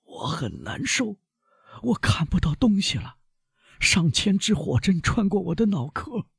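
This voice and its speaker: A man's voice: high-pitched, sing-song, unhurried, vocal fry, husky, no room sound, studio quality, pitched above the performer's own voice, heavily acted. A man voicing an old male servant seized by agony and terror, who speaks in a faltering, strained, gasping way. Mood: shrill terror.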